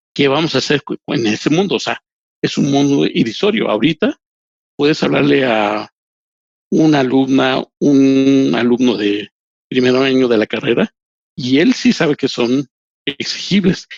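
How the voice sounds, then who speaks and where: A human rights lawyer and professor, who is not a native Spanish speaker, answers interview questions slowly and deliberately, restarting often. His mid-range voice is creaky with a breathy edge, and the recording has no echo but its highs are cut off.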